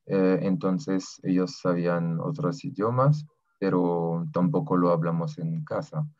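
Heard through a laptop webcam on a video call, this young man sits low in pitch with a flat, slightly mellow delivery and no echo. He's a native French speaker from southern France and a Spanish learner, answering interview questions from a small room at home with many hesitant pauses as he hunts for words. The call audio is dull and lo-fi.

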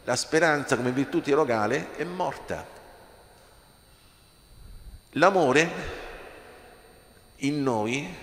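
Speaking at a medium pitch with a fairly bright tone, this male priest preaches fervently in church and peppers the congregation with rhetorical questions. Long reverb fills the echoey space.

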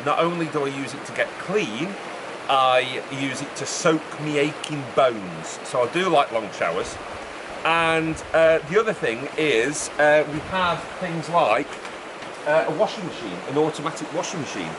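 A man's voice: on the high side, animated. A middle-aged man, talking casually to camera in a raised, projected voice as he explains a project. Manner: chatty, raised voice projected over background noise. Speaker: vlogger presenting a build project. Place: outdoors beside a fast-flowing river. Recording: outdoor recording with rushing river noise.

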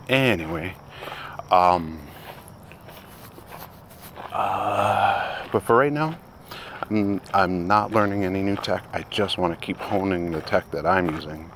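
A man vlogging casually while walking outdoors at dusk, rambling with many halting restarts. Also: low-pitched, a little hiss or hum. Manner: turns into quiet prayer. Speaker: vlogger and hobby game developer. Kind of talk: casual walk-and-talk vlog.

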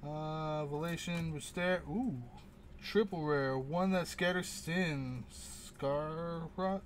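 Slow-talking man mumbling through an unboxing. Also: on the high side, a little hiss or hum. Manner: rambling, mutters to himself, unsure of names. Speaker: channel host opening card packs. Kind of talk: casual unboxing commentary.

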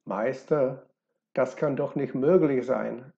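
A man's voice: medium pitch, slow pace, vocal fry, dark tone, muffled recording. A man reading the part of an anxious, bewildered young fiancé, worried and pleading. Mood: stunned.

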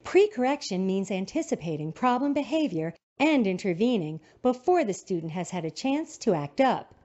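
A woman narrates a teacher-training video in a calm, instructive voice. Her intonation moves a lot, and her tone is mellow. The recording sounds dull and lo-fi. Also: mid-range voice, normal speed. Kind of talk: scripted narration.

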